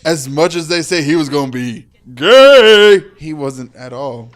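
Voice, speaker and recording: A man's voice: a little high, animated, a little slow. A man co-hosting a podcast, chatting casually and joking with friends. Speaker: podcast co-host. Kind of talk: casual banter.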